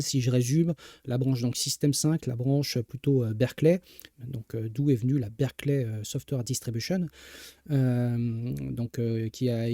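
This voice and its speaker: Male live-stream host, deep-toned and dry, relaxed hesitant delivery with lots of fillers. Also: no room sound. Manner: hesitant, heavy filler sounds, restarts; reads and greets viewer chat. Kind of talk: casual tech news chat.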